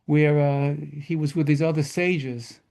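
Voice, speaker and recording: A rabbi telling lively stories at a model seder lesson, mixing in Hebrew terms. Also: male voice, a little high, measured pace, clear, resonant tone.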